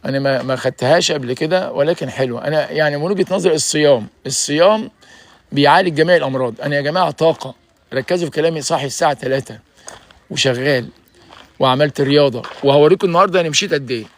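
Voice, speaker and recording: A man in his sixties with an Egyptian accent hosts a casual livestream and urges his listeners to focus on what he says. His voice is a little higher than most men's, and he rattles off his points at a quick clip. The sound is dry and close. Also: no echo. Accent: Egyptian Arabic. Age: 60s. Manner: energetic and preachy, urging listeners to focus. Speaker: livestream host giving health advice.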